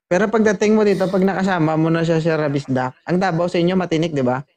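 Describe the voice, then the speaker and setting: A man's voice: sits high, fast, darkish tone. A man hosting a matchmaking show, bantering and teasing his guests. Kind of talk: casual chat.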